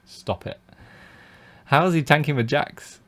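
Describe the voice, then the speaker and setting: A British poker coach casually commentates on his own live-streamed tournament play, talking through every decision. His voice is fairly high, a bit bright and unhurried. He thinks aloud, with lots of fillers and restarts.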